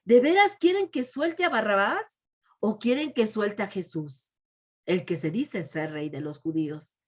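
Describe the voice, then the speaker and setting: A woman's voice: mid-range voice, expressive, unhurried. A woman voicing a stern male Roman governor who questions a crowd in a children's Bible lesson. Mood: questioning. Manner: raised, questioning delivery.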